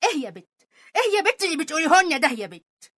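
A theatrical Egyptian grandmother scolding her children, played by a woman. Her voice is high and quick, with loud outbursts. The recording is dry and close. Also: big pitch swings, dry recording. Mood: outraged. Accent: Egyptian Arabic.

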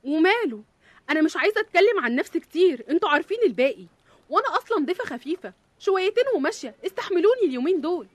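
A woman's voice: extremely high pitch, very fast, no echo. A woman with an Egyptian accent voicing a self-important monthly salary that lists everything she pays for. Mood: defensive. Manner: lively, complaining, defensive.

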